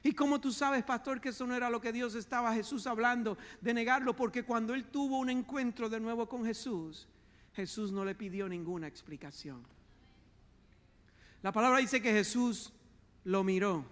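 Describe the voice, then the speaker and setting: A man's voice: extremely high pitch, normal speed, fairly bright tone, big-room sound. A man, a pastor, delivering a fervent sermon, calling his listeners brother and slipping English words into his preaching.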